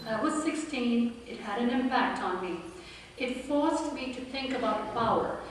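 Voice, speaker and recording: A woman in her fifties, born in India and raised in Pakistan, giving an earnest, measured campaign speech with dry humor at a forum. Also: on the high side, lively intonation, a little hiss or hum. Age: 50s. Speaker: political candidate. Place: forum room with an audience. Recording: echoey hall from far off.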